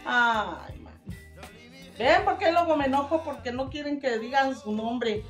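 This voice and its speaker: A woman's voice: high voice, normal speed, faint music behind. A middle-aged woman, chatting casually and emotionally as she unboxes gifts in her vlog. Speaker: vlogger.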